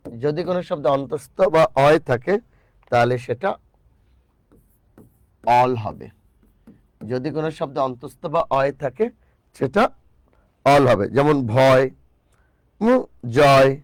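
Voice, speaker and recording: A man's voice: mid-range voice, dry recording. Male grammar teacher, patient and repetitive, speaks straight to the student, dry close sound. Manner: repeats each rule, addresses the student directly; corrects himself mid-sentence. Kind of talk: explaining grammar rules.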